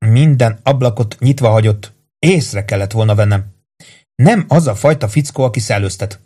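A male reader voicing a gruff, matter-of-fact male accomplice in a crime story. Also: mid-range voice, warm tone, lightly acted. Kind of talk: audiobook character reading.

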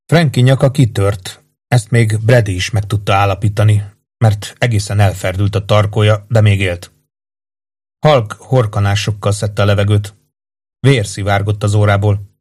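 Calm man narrating a dark story. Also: on the low side. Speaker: audiobook narrator. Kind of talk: scripted narration.

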